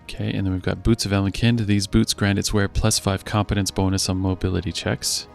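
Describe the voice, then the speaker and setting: A man hosting a let's play video, casually reading game text aloud and thinking out loud about his choices. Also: deep voice, level tone, brisk, vocal fry, soft background music.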